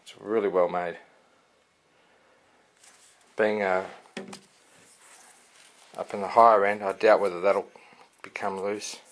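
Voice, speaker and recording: A man's voice: fairly low pitch, level tone, slow pace, pauses often. A man giving a casual, rambling product review with many fillers and restarts. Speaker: sword reviewer.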